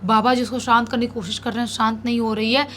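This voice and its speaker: A woman's voice: a little high, level tone, fast, fairly bright tone, slight background noise. A woman telling a horror story in a dramatic way, mixing English words into her telling.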